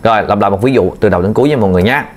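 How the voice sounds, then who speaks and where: A man's voice: fairly low pitch, very fast. Patient male language teacher. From Vietnam. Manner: patient, repeats key points to learners. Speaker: Chinese teacher. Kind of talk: video language lesson.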